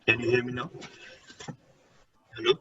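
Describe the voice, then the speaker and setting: A man from Nepal, introducing himself haltingly on a video call that keeps dropping out, so his voice fades and breaks up. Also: medium pitch, monotone, muffled recording, slight background noise. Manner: halting, soft-spoken. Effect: call dropping out, voice fading and breaking up. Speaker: training participant.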